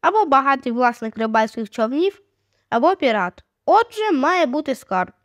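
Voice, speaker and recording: Woman reader voicing a teasing, eager young girl; high voice, dry close sound. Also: sing-song, normal speed, no room sound. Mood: musing. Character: lively excited young girl, curious sister.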